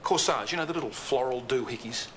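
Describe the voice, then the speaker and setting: An actor playing a brisk, businesslike hospital boss and father in a TV soap. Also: mid-range voice, fairly bright tone, a little hiss or hum, natural voice. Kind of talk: TV soap acting.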